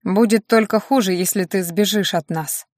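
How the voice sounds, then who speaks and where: Gruff world-weary man, read by a woman. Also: moderate pace, a little mellow, dry recording, studio quality, natural voice. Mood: grumbling. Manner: grumbling, low-key. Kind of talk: audiobook reading.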